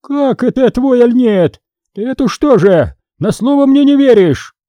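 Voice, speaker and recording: A man doing a shrill grasping noblewoman. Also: animated, measured pace, warm tone, no room sound. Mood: shrieking. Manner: shrieking, shrill, imperious.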